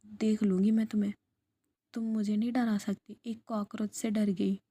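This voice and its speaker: A woman's voice: medium pitch, flat delivery, moderate pace, no echo. Whispered role-play of a woman doing a teasing young woman. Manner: soft whispering, breathy. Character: young woman, lively and quick to tease.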